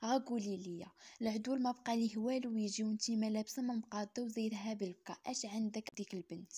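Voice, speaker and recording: A domineering mother hisses her scolding in a husky, rapid Moroccan voice, put on by a woman narrating. The threats pour out fast and cutting. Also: on the high side, a little mellow. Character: harsh, domineering mother forcing her daughter to marry.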